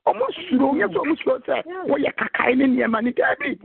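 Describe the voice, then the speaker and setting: High, gravelly Ghanaian preacher on a phone line. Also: male voice, very animated, fast talker, a crowd in the background. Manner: exhorting, mixes scripture quotes with local-language preaching. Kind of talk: sermon mixing Twi and English.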